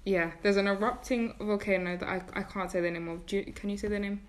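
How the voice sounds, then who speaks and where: A young adult woman hosting a casual chat, talkative and animated, with frequent "like"s. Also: medium pitch, quick pace, a crowd in the background. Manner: chatty, animated, many "like"s. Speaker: podcast host.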